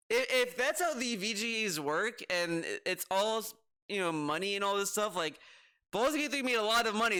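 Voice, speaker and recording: A man's voice: sits high, pushed and bright, clear, resonant tone. A man giving casual reaction commentary, ranting with exasperation, swearing and mockingly quoting the person he criticises. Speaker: commentator reacting to another streamer.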